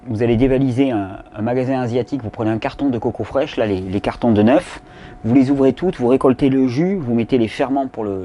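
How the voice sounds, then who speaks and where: A man hosts a casual Q&A, answering viewer questions in a loose way full of fillers and repeated words. His voice is medium-pitched and warm.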